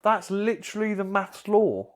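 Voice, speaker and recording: A man's voice: expressive, moderate pace. Sweary man, podcast co-host. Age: 30s. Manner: sweary, jumps to a high pitch when arguing. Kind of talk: casual chat.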